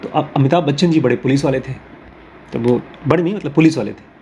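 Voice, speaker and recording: A man teaching a spirituality course, explaining ideas in Hindi mixed with English phrases. He reads English lines slowly, then explains them through everyday examples. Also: mid-range voice, warm tone, slight background noise. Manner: explains with everyday examples and role-play scenarios.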